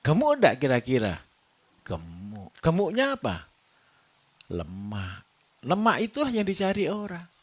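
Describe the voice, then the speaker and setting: A man's voice: on the high side, wildly swooping pitch, unhurried, long pauses, husky. A man with a Javanese accent giving a live workshop lecture to farmers, joking and quizzing his audience as he goes. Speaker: livestock trainer.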